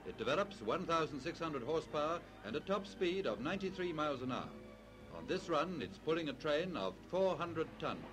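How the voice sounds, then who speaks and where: Old British newsreel narrator, lively high-pitched man. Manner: old newsreel narrator delivery, brisk and promotional. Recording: old 1940s newsreel soundtrack. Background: loud background music.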